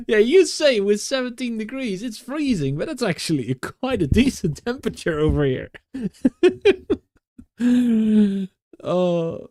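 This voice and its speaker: A man's voice: high voice, big pitch swings, takes it slowly, long pauses, darkish tone, dry recording. Chatty Dutch man, dry close mic. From Netherlands. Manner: chatty, laughs often, many restarts and fillers. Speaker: streamer. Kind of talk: casual chat with viewers.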